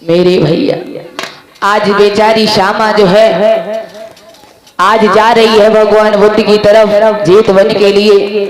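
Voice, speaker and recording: Woman folk storyteller, live devotional narration, emphatic, addressing the crowd, loud crowd behind. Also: mid-range voice, little pitch movement, takes it slowly, pauses often. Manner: emphatic, addresses the audience directly. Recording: echoey live mic with loud crowd and music.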